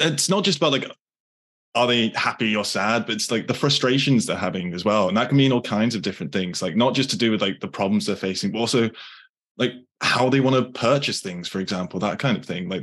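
A man's voice: on the low side, fast talker, fairly bright tone, breathy edge. A man hosting a marketing podcast, upbeat and repeating words, often saying "like". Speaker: podcast host. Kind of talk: podcast interview.

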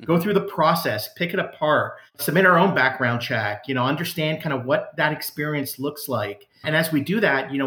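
A man's voice: mid-range voice, bright, forceful tone, reverberant. A man, a customer service executive, answering interview questions in an earnest, conversational way with frequent fillers and restarts.

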